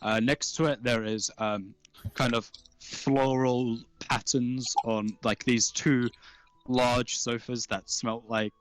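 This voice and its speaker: A man's voice: medium pitch, fairly even intonation, clear, resonant tone, no echo, poor audio. Man narrating as game master, dry sound. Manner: halting, descriptive, informal. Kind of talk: improvised tabletop game narration. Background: faint music.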